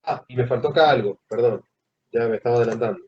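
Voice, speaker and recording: A man teaches a class, his voice dark and a little husky. He checks in with the students through questions and leaves phrases hanging. The sound is dull and lo-fi, like a classroom recording. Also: medium pitch. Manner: asks the class questions, pauses mid-phrase. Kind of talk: classroom lecture.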